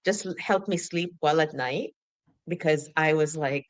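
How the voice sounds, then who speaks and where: Low-voiced, lively woman from Sudan. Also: a little slow, no room sound. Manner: animated, laughs often, acts out her own thoughts. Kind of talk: casual conversation.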